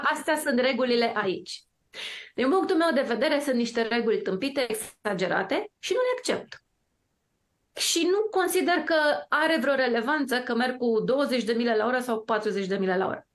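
A woman's voice: a little high, expressive. A woman from Romania, a guest on a talk show, telling her own story emphatically and with full self-assurance. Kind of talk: casual talk-show discussion.

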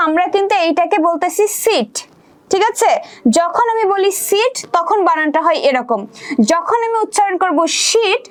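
A woman as a high-voiced teacher, patient, step-by-step, keeps checking in. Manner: explains step by step, keeps checking students follow. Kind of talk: online exam-prep lesson.

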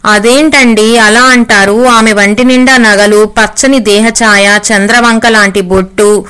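A woman's voice: medium pitch, steady tone, unhurried, fairly bright tone, smooth, lightly acted. Woman reading as a respectful auto driver man. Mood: wondering. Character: respectful, wondering male auto-rickshaw driver.

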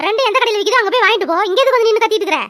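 Brief: scolding old village mother-in-law, a woman does her, very high and quick. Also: a bit bright, no echo, studio quality. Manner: scolding, sarcastic. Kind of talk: cartoon voice acting.

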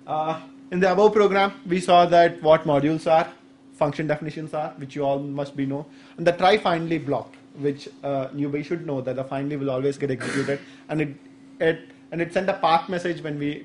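A man in his thirties, a native Saurashtra speaker with an Indian accent, gives a technical talk at a conference, his explanations hesitant and full of fillers. His voice is on the high side. He speaks into a stand microphone at the podium in a medium-sized indoor conference room, with slight background noise.

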